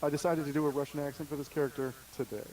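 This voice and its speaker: A man's voice: a little high, fairly even intonation, very fast, a little mellow, slight background noise, poor audio. A man playing in a tabletop game, chatting casually after the session, joking and teasing with easy laughter. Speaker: player. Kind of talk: casual post-game chat.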